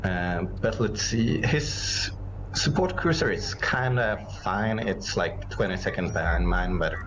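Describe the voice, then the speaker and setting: A man's voice: low-pitched, measured pace, a bit bright, slight background noise, poor audio. A man co-casting a strategy game match, rambling with many fillers, English not his first language. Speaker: co-caster and player. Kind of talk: casual game commentary.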